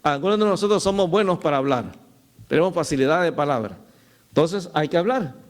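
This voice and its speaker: A man's voice: on the high side, lively intonation, a little fast. A middle-aged man preaching a sermon as pastor, telling stories and calling his listeners "brother". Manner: storytelling, addresses listeners as "hermano".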